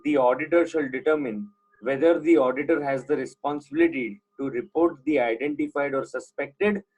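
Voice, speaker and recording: A man's voice: fairly high pitch, moderate pace, darkish tone, breathy edge, poor audio. A man teaching an online class, putting questions to students and repeating the key points.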